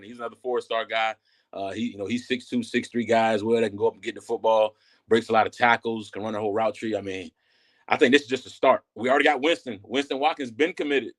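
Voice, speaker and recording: A man talking casually about college football recruiting as a guest, loose and full of fillers and restarts. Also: fairly low pitch. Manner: quick, loose talk with many fillers and restarts. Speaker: guest analyst. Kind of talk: casual sports talk.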